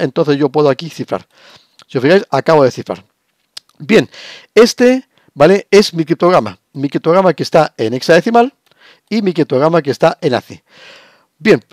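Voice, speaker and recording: A man's voice: a little high, lively intonation, brisk, darkish tone, dry recording, studio quality. Man teaching over screen share. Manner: explanatory, frequent rhetorical checks. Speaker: lecturer. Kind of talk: recorded screen-share lesson.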